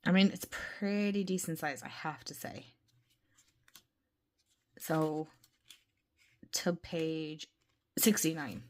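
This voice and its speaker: A woman with a slightly low, worn voice talks her viewers through a new deck. She is chatty and gushing, and she keeps slipping into soft whispered asides. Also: takes it slowly, long pauses. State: voice worn from illness. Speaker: tarot deck reviewer. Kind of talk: casual unboxing review.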